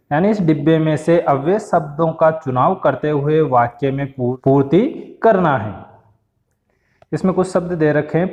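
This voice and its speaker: Man, teacher in an online class, speaks slowly and walks through each exercise word by word, somewhat high voice, muffled low-fi recording. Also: darkish tone, big-room sound. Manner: reads each word aloud, then explains it plainly.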